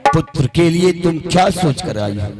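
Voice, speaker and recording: A man's voice: fairly high pitch, lively intonation, normal speed, close to an everyday voice. A man playing a troubled, commanding king who longs for a son, declaiming in an Indian village stage drama with music behind him. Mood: troubled, reproachful. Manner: theatrical, declamatory delivery.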